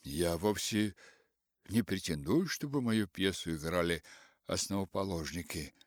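A man's voice: deep voice, lively intonation, measured pace, no room sound, studio quality. A man voicing an indignant, flustered young male playwright who exclaims in protest.

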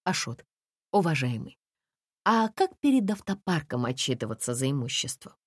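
A woman's voice: low-pitched, animated, measured pace, no echo. A woman voicing a stern, no-nonsense middle-aged mother who talks in a dry, commanding way.

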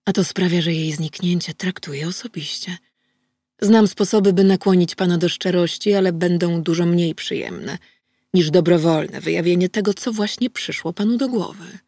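A woman voicing a calm, cold male vampire who threatens in a hushed, breathy voice for an audiobook. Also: fairly low pitch, moderate pace, dry recording. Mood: menacing. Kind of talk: audiobook character voice.

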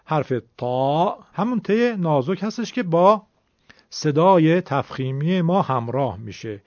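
A man gives a radio pronunciation lesson, voice sitting a little high for a man. He explains patiently and sounds out letters slowly. The recording is dull and dry, like an old broadcast. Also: lively intonation, dry recording. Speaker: Quran recitation teacher.

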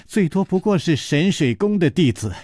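In a storytelling broadcast, a man voices a cheeky, giggly, mischievous young girl, pitching his high, very animated voice above his own natural range. He speaks at a normal speed with a slightly mellow tone. The studio recording is clean and dry.

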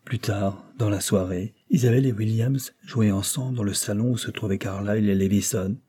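A man narrating a classic novel as an audiobook, in a steady, even reading. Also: on the low side, moderate pace, slightly rough. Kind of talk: scripted storybook narration.

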